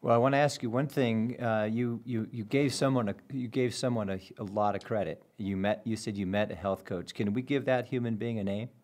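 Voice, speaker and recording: A man's voice: lowish voice, fairly even intonation, brisk, few pauses, darkish tone. A middle-aged man hosting a podcast, greeting guests and steering the conversation with friendly questions. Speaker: podcast host. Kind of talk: podcast interview. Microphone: headset with podcast mic.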